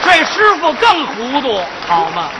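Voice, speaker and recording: High-pitched lively comedian. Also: male voice, unhurried, a loud crowd, very noisy. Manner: teasing, mock lecturing. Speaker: crosstalk comedian. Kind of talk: comic stage dialogue.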